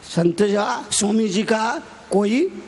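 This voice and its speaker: A man giving a fiery sermon as a monk preacher, shouting repeated refrains. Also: high-pitched, lively intonation, slow pace, a little hiss or hum. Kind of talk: Hindi sermon.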